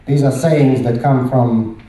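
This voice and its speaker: In a very echoey, large conference hall, a middle-aged Latvian man presents through a handheld microphone, sounding distant. His medium-pitched, warm voice moves slowly with fairly even intonation, delivering short emphatic phrases and rhetorical questions in a Latvian accent.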